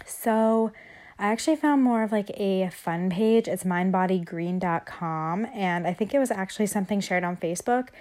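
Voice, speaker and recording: A woman's voice: medium pitch, normal speed, a little mellow. A young woman hosting a casual podcast monologue, talking loosely with many fillers and audible heavy breathing. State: breathing heavily. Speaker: podcast host.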